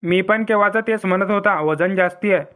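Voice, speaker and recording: A man's voice: high-pitched, fairly quick, a bit bright. A man, voicing the brash, blustering characters of a village cartoon comedy.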